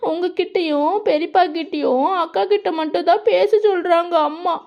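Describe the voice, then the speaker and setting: A woman's voice: very high-pitched, fairly even intonation, normal speed, gravelly, soft background music. A woman voicing a small tearful village girl who whines plaintively. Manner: plaintive, whining. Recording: slightly dull lo-fi audio.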